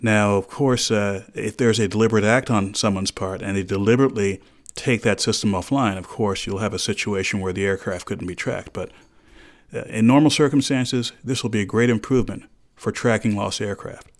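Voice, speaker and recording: A man with a fairly low voice appears as an expert guest on a radio interview. He explains things in a measured, precise manner, using formal and carefully constructed phrasing.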